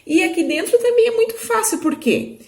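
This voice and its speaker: A woman teacher gives a video lesson to young children. She talks slowly and in a sing-song way, stretches key words, and keeps checking in with "certo?" and "né?". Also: extremely high pitch, expressive, a little mellow. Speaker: primary school teacher.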